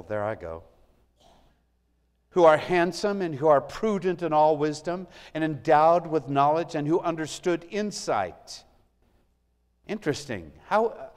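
Male pastor, slightly higher voice, earnest sermon delivery with big volume swings, church hall reverb. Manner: earnest, swells and drops in volume for emphasis. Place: church sanctuary.

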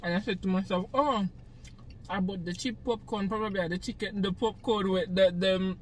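A woman's voice: mid-range voice, steady tone, moderate pace, a little hiss or hum. A young Jamaican woman chatting casually while eating on camera in a parked car at night, often breaking into laughter. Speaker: vlogger. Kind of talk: casual eating-show chat.

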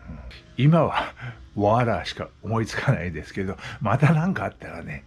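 A vlogger in his sixties in West Oahu, Hawaii, talks in a casual monologue, explaining things with repeated examples. His lowish, slightly rough voice is sing-song and moves at normal speed.

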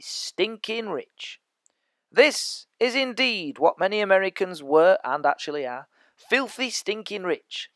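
A man's voice: high-pitched, a bit bright, dry recording. A man teaching a history lesson as a podcast, chatty and joking with his listeners. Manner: chatty, jokey asides to listeners. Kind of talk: educational podcast lecture.

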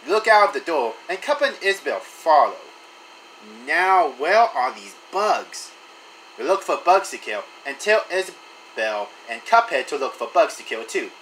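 A man casually reading a text adventure aloud, in an animated voice that stumbles and restarts now and then. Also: a little high, brisk, slight background noise, low-quality recording. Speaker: channel host reading a story game aloud.

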